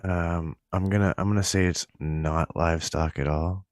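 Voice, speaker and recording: A man's voice: low voice, steady tone, normal speed, dry recording, studio quality. A laid-back man in a casual chat with friends, often restarting his sentences.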